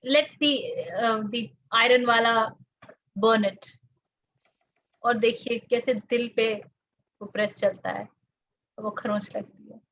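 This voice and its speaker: A woman's voice: on the high side, fairly even intonation, slow pace, long pauses, a bit bright, slight background noise. A woman with an Indian accent giving a reflective spiritual talk, mixing Hindi and English and drawing out her English phrases. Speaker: spiritual teacher. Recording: dull lo-fi audio.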